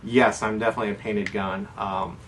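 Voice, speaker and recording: A co-host of a hobby program chats casually about airsoft, answering questions and explaining in an informal style. He has a lowish, fairly bright voice and a flat delivery, talking a little fast. Faint background noise comes through the distant microphone.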